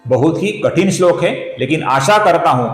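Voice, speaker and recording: Male spiritual teacher, earnest lesson delivery, drawn-out chanting, faint music bed. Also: fairly high pitch, lively intonation, echoey room, poor audio. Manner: slow, drawn-out chanting of verse words; addresses viewers as friends, earnest explaining. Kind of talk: Sanskrit recitation lesson.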